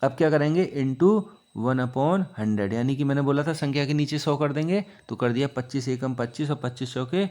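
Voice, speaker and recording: Man, maths teacher, patient step-by-step explaining, asks and answers himself, mid-pitched voice. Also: fairly even intonation, darkish tone. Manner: explains slowly, asks and answers his own questions.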